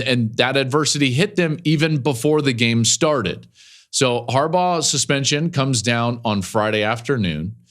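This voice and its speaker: A man's voice: medium pitch, fairly bright tone. A middle-aged man hosting a sports podcast, talking in a chatty, conversational way with frequent fillers. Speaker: podcast host and football analyst. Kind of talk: casual podcast talk.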